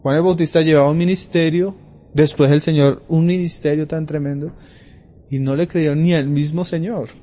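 A man preaching a sermon, talking through Bible passages and reading scripture louder. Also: fairly high pitch, steady tone, normal speed. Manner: conversational Bible teaching, rising loud for scripture readings.

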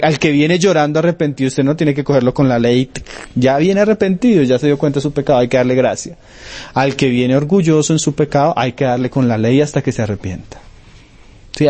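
Conversational male preacher, mellow voice. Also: medium pitch. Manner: conversational, asks frequent checking questions. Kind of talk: sermon teaching.

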